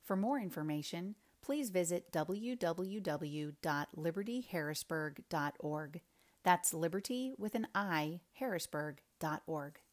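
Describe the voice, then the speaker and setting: A woman's voice: fairly low pitch, expressive, unhurried. A woman reading a short recorded announcement for a church. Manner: clear, read-out announcement.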